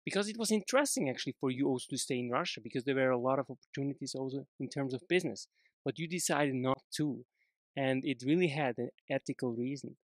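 A man's voice: mid-range voice, quick pace, no room sound. A man hosting an interview, giving context to prompt his guest. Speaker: host. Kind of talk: conversational interview.

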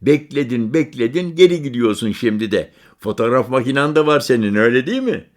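A man voicing an eager, talkative young village boy in an audiobook story, speaking high and excited. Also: fairly quick, natural voice. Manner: high, bright, excited and insistent.

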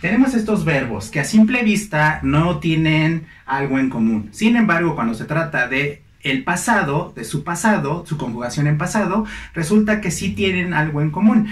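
A man's voice: on the high side, expressive, echoey room, distant mic. A man teaching an English pronunciation lesson, drilling each word through careful repetition. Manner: drills words by slow repetition.

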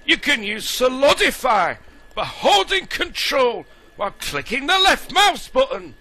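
A man's voice: very high-pitched, big pitch swings, unhurried, bright, forceful tone, full character voice. A man voicing a bossy, scolding dwarf mine taskmaster in a cartoonish video game tutorial. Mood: bossy instructing.

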